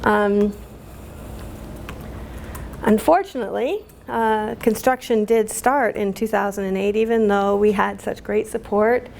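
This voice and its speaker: Emotional woman with a gravelly voice. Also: medium pitch, darkish tone, slight background noise. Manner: halting, many fillers, emotional. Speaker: community activist speaker. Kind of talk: emotional public talk.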